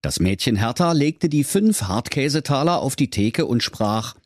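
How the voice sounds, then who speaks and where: A man tells a comic fairy tale in a mock-solemn storybook tone. His pitch is wildly animated. The sound is dry and close. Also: moderate pace, no room sound.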